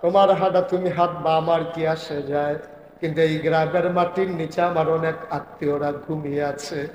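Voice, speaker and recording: Impassioned male preacher, echoing loudspeaker. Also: a little hiss or hum. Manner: impassioned, swinging from loud chanting cries to low storytelling. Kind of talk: Bengali waz sermon.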